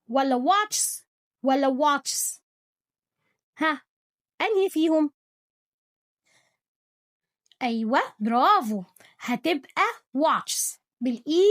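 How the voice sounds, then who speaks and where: High-voiced Egyptian woman teaching English. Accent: Egyptian Arabic. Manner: coaxing quiz questions and praise to the pupil. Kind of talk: playful lesson for children.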